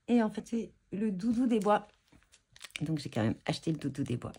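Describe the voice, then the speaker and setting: A woman's voice: mid-range voice, sing-song, normal speed, mellow, husky. A woman chatting casually as she shows her craft purchases, hesitant and full of fillers and restarts. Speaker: scrapbooking vlogger showing purchases. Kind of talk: casual show-and-tell chat.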